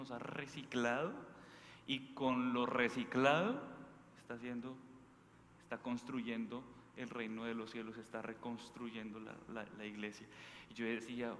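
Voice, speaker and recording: In an echoey hall with faint background noise, a man with a Bogotá Colombian accent preaches an informal sermon laced with anecdotes. His voice is medium-pitched and a bit bright. As a priest he's conversational and emphatic, regularly checking in with listeners through short questions.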